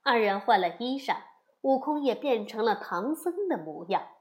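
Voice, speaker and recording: A woman narrating a children's story episode in an expressive storytelling manner. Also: a little high, normal speed.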